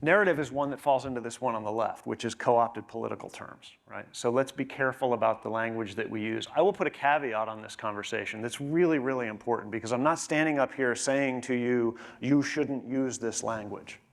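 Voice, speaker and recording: A man presenting from a conference stage, his mid-pitched voice carrying a gravelly rasp. He talks to his audience of professionals in a conversational way and keeps checking in with quick tag questions. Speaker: conference speaker.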